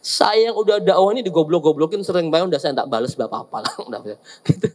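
A male preacher, giving a lively, joking sermon to a seated audience and often teasing them. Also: fairly high pitch, fast. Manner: joking, teasing the audience with asides and acted quotes.

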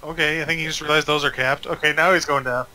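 A man leading a squad in an online shooter game, excitable and prone to shouting orders. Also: fairly high pitch, quick pace. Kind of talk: casual gaming chat.

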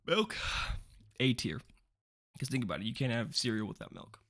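A man's voice: mid-range voice, expressive, a little fast, a bit bright, no echo, clean studio sound. A young man rambling through a casual commentary video, joking and interrupting himself often. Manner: rambling, self-interrupting, jokey asides. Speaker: vlogger.

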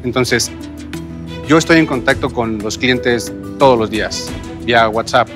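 A man's voice: medium pitch, a little slow, over music. A man with a Mexican Spanish accent, an entrepreneur answering investors steadily and earnestly. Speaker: entrepreneur pitching a business. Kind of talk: business pitch on TV.

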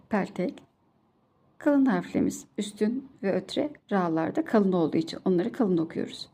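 A woman's voice: mid-range voice, warm tone. A woman teaching Quran reading, patiently drilling each letter sound syllable by syllable in a lesson. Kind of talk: slow letter-by-letter pronunciation lesson.

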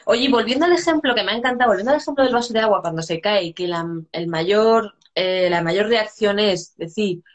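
Mom-type psychologist chatting, tells little stories, keeps restarting, mid-pitch voice. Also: female voice, a little fast, few pauses. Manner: chatty anecdotal storyteller, frequent restarts and "¿sabes?". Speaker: psychologist and co-host of live chat. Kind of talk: casual live-stream chat on parenting.

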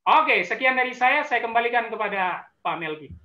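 A man, a pastor, giving a frank webinar sermon, emphatic and drawing out key words slowly. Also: very high-pitched, expressive, sharp tone, echoey room, highs cut off.

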